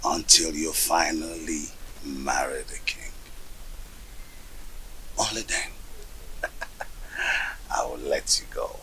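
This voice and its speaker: A sly whispering schemer. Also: male voice, extremely low pitch, huge pitch swings, takes it slowly, gravelly, pauses often, exaggerated voice, low-quality recording. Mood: scheming. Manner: hushed conspiratorial whisper with sly chuckles. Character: scheming man, secret lover plotting around the king. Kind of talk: film drama acting.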